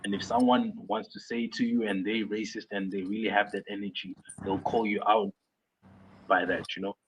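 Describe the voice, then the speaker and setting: A man's voice: fairly low pitch, level tone, normal speed, slight background noise. A young man from South Africa, a guest artist on a video call, explains things casually with lots of fillers and restarts. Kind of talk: casual interview chat. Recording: muffled lo-fi remote audio.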